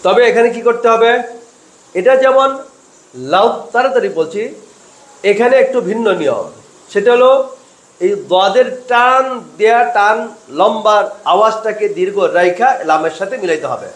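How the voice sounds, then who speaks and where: A man's high, animated voice carries a roomy sound as he slowly works through a Quran reading spelling lesson step by step. He poses his own questions and answers them.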